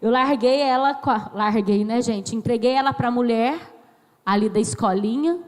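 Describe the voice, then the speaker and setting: A woman in her thirties from Brazil preaching a sermon as a pastor, slow and emphatic, acting out dialogue as she tells stories. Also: fairly high pitch. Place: church sanctuary. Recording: long church hall reverb.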